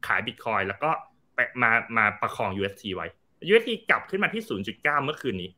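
Man, very bright tone, lively pitch, step-by-step explainer, talk show guest. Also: brisk. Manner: animated, explains step by step with examples. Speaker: crypto advisory firm CEO, guest.

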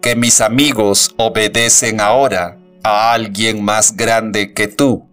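A booming, metallic robot prophet, put on by a male narrator in an audiobook, calm and unbending. He preaches in a very slow, measured rhythm. The tone stays smooth and resonant. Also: soft background music. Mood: solemn.

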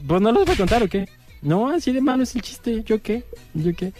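A man's voice: high voice, sing-song, a little fast, over music. A man with a Mexican accent hosting a radio joke segment, playful and laughing at his own jokes. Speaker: radio comedy host.

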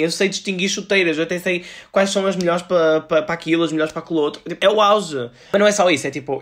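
A man in his twenties with a European Portuguese accent, hosting a solo podcast and telling shop stories in a sassy, animated way. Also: high-pitched. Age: 20s. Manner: sassy, animated storytelling with playful asides. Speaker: podcast host; retail shop worker. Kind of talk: casual solo podcast monologue.

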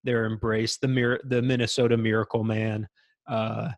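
Excited young man gushing about films. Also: moderate pace, dry recording. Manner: enthusiastic, acts out quotes in high voices. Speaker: podcast co-host. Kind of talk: casual movie discussion.

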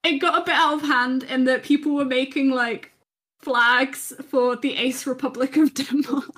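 High-voiced woman in casual podcast chat. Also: fairly even intonation, normal speed, fairly bright tone. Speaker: podcast co-host.

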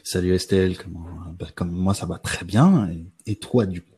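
A man from French Guiana, a guest beatboxer, answering interview questions in a relaxed, rambling way with many hesitant fillers. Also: low voice, moderate pace, breathy edge.

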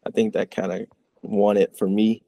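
A man's voice: on the low side, normal speed, gravelly, dry recording. A young man from the Chicago area, a college football player, chatting casually and laid-back as a guest. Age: young adult. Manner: relaxed, laid-back, trails off softly. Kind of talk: casual interview chat.

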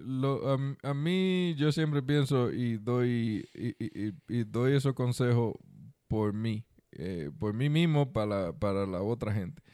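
A man with a Dominican accent talks casually as a podcast co-host. His medium-pitched voice is clean and resonant, recorded dry. He uses colloquial slang and repeats himself for emphasis. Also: slow pace, dark tone, smooth, no room sound. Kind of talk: casual conversational chat with advice to listeners.

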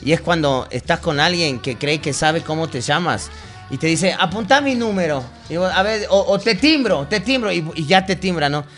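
A man's voice: fairly high pitch, moderate pace, fairly bright tone, faint music behind. A man co-hosting a radio show, a playful storyteller who acts out little scenes in casual banter. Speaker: radio co-host.

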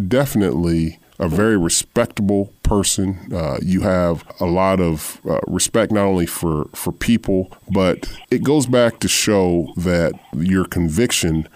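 A man hosting a radio interview, asking earnest, measured questions with frequent "uh" fillers. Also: low voice, darkish tone, dry recording. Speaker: radio show host.

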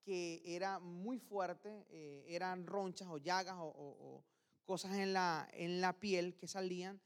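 A woman's voice: on the low side, slow, smooth. Woman preaching. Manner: informal, acts out dialogue and reads scripture. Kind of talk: sermon.

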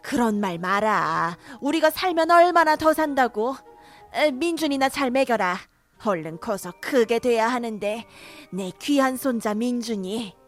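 A woman's voice: fairly high pitch, expressive, a little slow. A woman voicing a domineering older mother-in-law who scolds sharply and favors her grandson, in a cartoon drama. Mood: dismissive. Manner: scolding, sharp, rising to shouts. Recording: faint background music.

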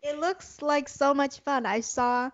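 A woman with a slightly high voice hosts a conversational interview. She sounds affirming and encouraging toward her guest. The recording is a little dull and lo-fi. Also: fairly even intonation, a little slow.

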